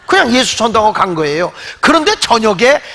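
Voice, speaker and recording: A man's voice: high voice, a little fast, gravelly. An older man pastor preaching a Sunday sermon in a church, telling stories and acting out the voices of the people in them. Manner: animated storytelling, acts out quoted voices. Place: church sanctuary. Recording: long hall reverb.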